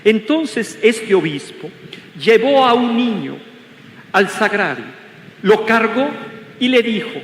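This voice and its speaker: An older man with a Mexican accent preaches in a large cathedral, his voice high and ringing. The sound comes back echoey with a long, lingering reverb, and a faint hum sits underneath. He asks questions and has the congregation repeat his words after him. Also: lively intonation, slow pace, pauses often. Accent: Mexican Spanish. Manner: preaching with rhetorical questions and call-and-response. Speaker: bishop. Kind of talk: sermon.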